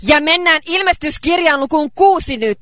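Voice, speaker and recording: A woman with a very high, bright voice interpreting a sermon line by line. She is recorded dry and close, and relays each phrase steadily. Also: expressive, no echo.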